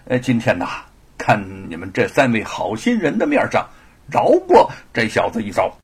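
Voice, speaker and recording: A man's voice: medium pitch, huge pitch swings, moderate pace, husky, voice pushed down, heavily acted. A man voicing a mocking male yamen runner who sneers at people.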